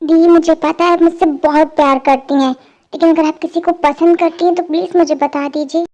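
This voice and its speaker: A high-voiced performer voicing an earnest, gentle young man who is a husband and brother, in a fan dub drama, speaking softly and coaxingly. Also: steady tone, moderate pace, no room sound. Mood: pleading.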